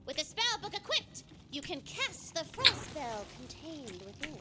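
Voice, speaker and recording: Very high, excitable fantasy game master. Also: female voice, measured pace, heavy background noise. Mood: dramatic. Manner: theatrical storytelling, swooping from hushed to squealing. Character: excitable, dramatic female tabletop game master narrator. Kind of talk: video game narration.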